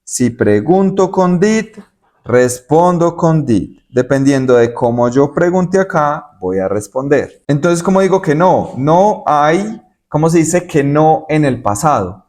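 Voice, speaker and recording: A male English teacher, his voice sitting a little high for a man. He walks through each point step by step and repeats the English examples slowly with clear stress. It sounds like a recorded video lesson. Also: animated, darkish tone.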